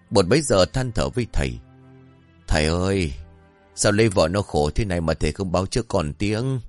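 A man narrating a comic story in a lively, expressive way. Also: low voice.

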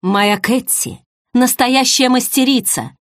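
Brief: woman narrator doing an eager, proud young fiancé in a storybook, lively voice, dry close sound. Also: fairly high pitch, normal speed, no room sound, pitched above the performer's own voice, natural voice. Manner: eager, proud, then grumbling. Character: young man, eager fiancé defending his bride.

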